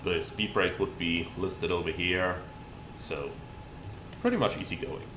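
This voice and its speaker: Playing pilot in a flight simulator, this man talks in a low-pitched voice, a little slowly. His commentary explains procedures and includes radio readbacks, captured in a roomy space over constant cockpit noise.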